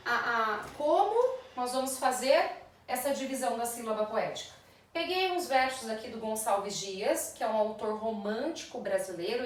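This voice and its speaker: Echoey teacher woman explaining slowly. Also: on the high side. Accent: Brazilian Portuguese. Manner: explaining step by step, checking in with "tá?" and "certo?". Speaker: literature teacher. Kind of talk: remote class lesson. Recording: echoey room, mic at a distance.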